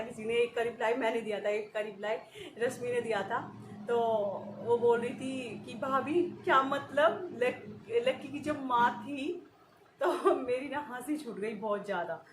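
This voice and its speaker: Woman vlogger, 30s, higher-pitched, giggly rambling storyteller; echoey room, faint background noise. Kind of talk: casual chat to viewers.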